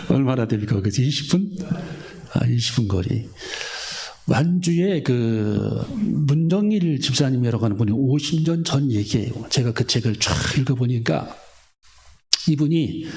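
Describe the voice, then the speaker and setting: A man's voice: mid-range voice, darkish tone. A middle-aged male pastor preaching a sermon in a church, asking the congregation questions and acting out voices in his stories. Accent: Korean, Daejeon church. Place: church sanctuary.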